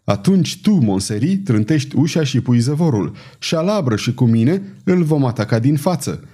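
A man's voice: mid-range voice, big pitch swings, warm tone. A man voicing a daring male conspirator who gives urgent, clipped orders. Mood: commanding. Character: tense, daring male conspirator leading an ambush.

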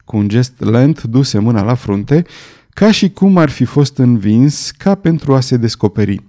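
Man, audiobook narration, expressive, theatrical, warm dark timbre. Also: medium pitch.

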